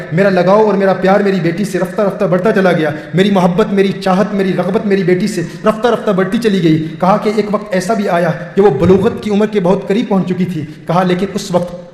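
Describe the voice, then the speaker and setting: A man's voice: high-pitched, darkish tone. A male preacher telling a moving story in a sermon, with heartfelt, repetitive phrasing. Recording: echoey hall with long reverb.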